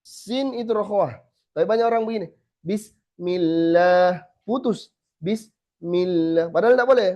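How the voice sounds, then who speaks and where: A man teaching a small group how to recite, saying letter sounds slowly again and again and then correcting them. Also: very high voice, a little mellow. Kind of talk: tajweed lesson to a small group. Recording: slightly dull lo-fi recording.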